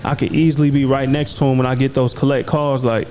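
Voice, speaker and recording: Laid-back young man hosting, mellow voice. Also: medium pitch, flat delivery, fast talker, slight background noise, low-quality recording. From Des Moines, Iowa. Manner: laid-back, slang-heavy, frequent "you know what I'm saying". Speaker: podcast host. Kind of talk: casual conversation.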